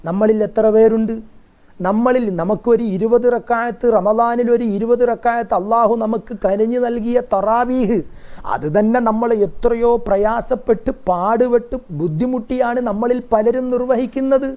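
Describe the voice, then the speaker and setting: A man's voice: extremely high pitch, fairly even intonation, moderate pace, a little mellow, muffled recording. A man preaching a Ramadan sermon, earnest and rhetorical, acting out quoted dialogue.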